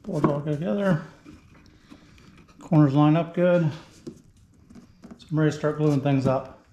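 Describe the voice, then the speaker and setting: This woodworking channel host, a middle-aged man, has a warm, somewhat high voice and a measured pace. He narrates his project casually and plainly, step by step, as he works. It's captured on a camera mic in his home garage shop, which echoes and carries faint noise.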